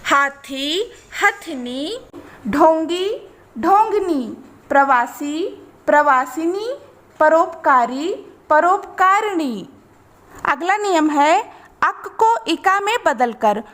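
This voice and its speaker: A woman teacher giving a grammar lesson, reading word pairs in a measured list and explaining each rule. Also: sits high, lively intonation, fairly bright tone. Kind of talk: slow, deliberate grammar lesson.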